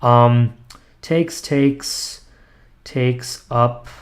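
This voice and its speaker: A young chess streamer, mid-pitched and steady, narrates an online blitz game very slowly, half to himself. His muttered analysis is full of ums and restarted sentences, and he keeps poking fun at his own play.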